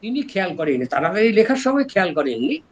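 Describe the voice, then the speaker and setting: An older man from East Bengal lectures as a professor, with an East Bengali accent. His voice sits a little high for a man and rises and falls in lively swings as he works through each point patiently. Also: poor audio. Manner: explains slowly and step by step, lively rises and drops in voice. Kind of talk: scholarly lecture on word origins.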